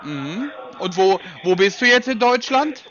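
A man's voice: sits high, animated, measured pace, fairly bright tone. A man on a phone call confronting a scammer, mocking and blunt, frequently cutting in. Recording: muffled lo-fi phone audio.

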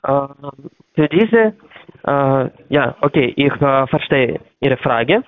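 Tinny phone line, man, foreign accent in German, very slow halting delivery, sales call, dry sound. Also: mid-range voice, lively intonation, no echo. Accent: foreign, non-native German. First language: not German. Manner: halting, searching for words. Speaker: phone sales agent for trading platform.

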